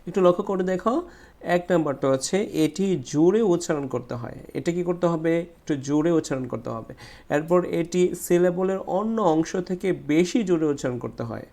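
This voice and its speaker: A man, teaching a class 5 English lesson and slowly repeating words syllable by syllable. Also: on the high side, expressive, creaky, dark tone. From Bangladesh. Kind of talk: explaining a class 5 English textbook.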